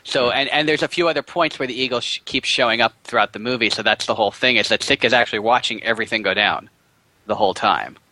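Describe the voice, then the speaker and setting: A man co-hosting a casual movie podcast, explaining scenes with quick restarts. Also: mid-range voice, bright, forceful tone, no echo, low-quality recording. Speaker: podcast co-host.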